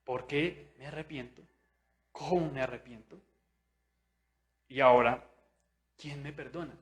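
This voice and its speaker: A young man preaching a sermon in a church, chatty and animated, asking his listeners questions and acting out what people think. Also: medium pitch, unhurried. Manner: conversational, with tag questions; animated, acts out inner voices.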